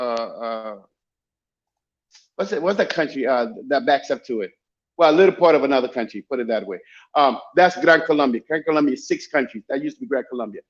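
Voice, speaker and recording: A man with a Dominican-influenced accent chatting casually and telling stories emphatically, often repeating phrases to make his point. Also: mid-range voice. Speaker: guest, travel YouTuber. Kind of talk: casual chat, animated storytelling. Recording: dull lo-fi call audio.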